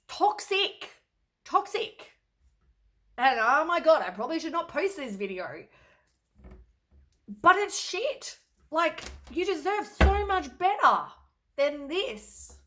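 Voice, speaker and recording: A woman's voice: high voice, very animated, takes it slowly, long pauses, a bit bright. A woman doing a casual tarot reading to camera, blunt and exasperated, with lots of sighs and casual swearing. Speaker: tarot reader.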